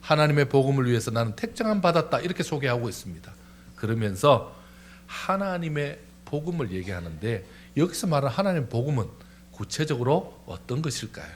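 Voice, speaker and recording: A male senior pastor giving a Sunday sermon in a church, talking lively and putting questions to the congregation. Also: medium pitch, a little hiss or hum. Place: church sanctuary.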